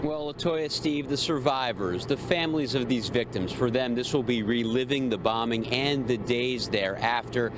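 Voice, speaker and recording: Male live reporter over clear street noise. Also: medium pitch, normal speed, hardly any pauses. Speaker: TV news reporter.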